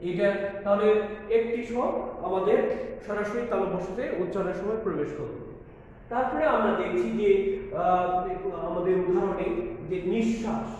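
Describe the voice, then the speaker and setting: A man's voice: high voice, darkish tone, a little hiss or hum. A man teaching a college Bengali class in a recorded lecture, patient and repeating each point for his students. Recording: echoey, dull lo-fi room recording with long reverb.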